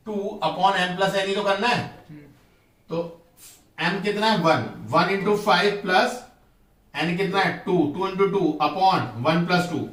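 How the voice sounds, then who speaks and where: A man teaching a school math lesson, explaining step by step and quizzing his students with quick questions. He reads terms. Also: high voice, a bit bright, echoey room, distant mic.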